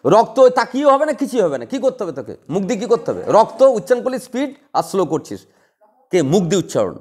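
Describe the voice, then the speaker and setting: A man lecturing a class of students, firing short questions and repeating them until they answer. His voice sits high and moves in wide, animated leaps. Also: rapid-fire, husky. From West Bengal. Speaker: teacher.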